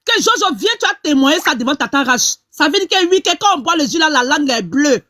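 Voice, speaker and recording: A woman's voice: high voice, expressive, pushed and bright, no room sound, studio quality. A woman hosting a gossip live stream, scornful and insulting. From Ivory Coast. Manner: scornful, insulting, talks fast.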